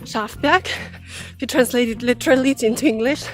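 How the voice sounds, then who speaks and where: Running along forest trails and through a park, an Austrian woman with an Austrian German accent guides a tour, chatting casually to the camera. She has a highish voice, speaks at a moderate pace, and soft music plays in the background.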